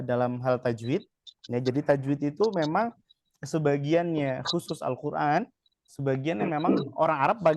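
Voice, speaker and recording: Relaxed male Arabic teacher explaining. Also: on the high side, creaky, dry recording. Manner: explanatory, relaxed, frequent fillers and checks. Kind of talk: classroom lesson.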